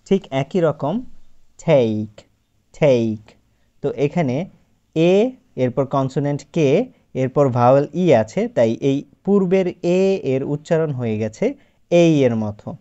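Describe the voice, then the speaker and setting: A man's voice: a little high, mellow. Man teaching spelling, patient, lo-fi sound. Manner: patient, repeats example words slowly and clearly. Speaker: English teacher. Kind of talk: spoken lesson, explaining step by step. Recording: dull lo-fi sound.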